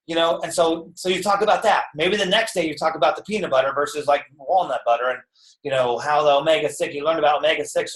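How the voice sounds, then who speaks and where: A man giving casual, energetic network marketing training on a live stream, chatty and filled with "okay" and "right". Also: on the high side. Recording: echoey room.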